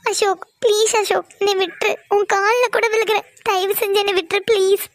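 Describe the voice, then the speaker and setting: A woman voicing a very high, frightened pleading girl. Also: level tone, a little fast, no room sound. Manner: pleading, trembling, begging to be left alone. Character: frightened young college girl, pleading, tearful. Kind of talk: cartoon drama voice acting.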